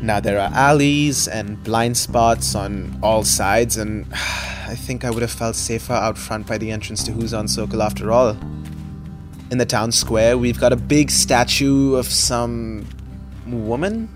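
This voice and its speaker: A man's voice: mid-range voice, steady tone, a little slow, over music, lightly acted. A young man narrating in first person as the lead of an audio drama, chatty with wry, self-deprecating asides. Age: young adult.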